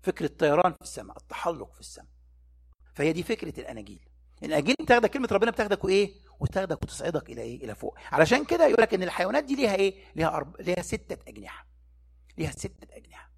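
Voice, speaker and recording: Here a man preaches a Bible study sermon in rapid-fire bursts, his high-pitched voice very animated, creaky and husky. He has an Egyptian Arabic accent and constantly poses rhetorical questions to his listeners before answering them himself.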